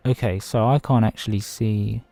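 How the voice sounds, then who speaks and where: A man's voice: lowish voice, steady tone, moderate pace, vocal fry, mellow, no room sound, soft background music. A man casually chatting on a livestream from home, rambling between topics and greeting viewers by name. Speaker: livestreaming gamer.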